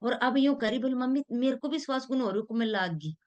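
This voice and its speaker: Woman, middle-aged, motivational talk, earnest, homespun, fairly high voice. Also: fast. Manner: earnest, homespun, mixes Hindi with local dialect. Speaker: motivational speaker.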